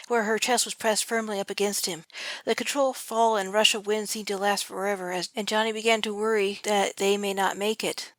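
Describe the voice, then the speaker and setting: A woman's voice: mid-range voice, a bit bright, dry recording. A woman reads her own adventure story aloud in a home-made audiobook style. She stumbles and restarts often. The recording is dry, with no room sound. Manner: reads with frequent slips and restarts. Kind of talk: amateur audiobook narration.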